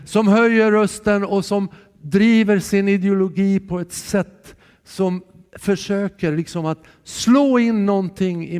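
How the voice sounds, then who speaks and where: Man preaching in a church, kinda high voice, earnest, goes soft then louder, big echoey reverb. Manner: calm, earnest, shifting between soft and raised voice. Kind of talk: sermon. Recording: long hall reverb from a church.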